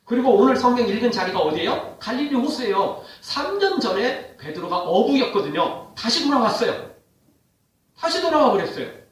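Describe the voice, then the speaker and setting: A man's voice: very high voice, normal speed, heavy reverb, distant mic. A male pastor preaching a sermon, full of questions put to the congregation. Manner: animated preaching with rhetorical questions. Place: church sanctuary.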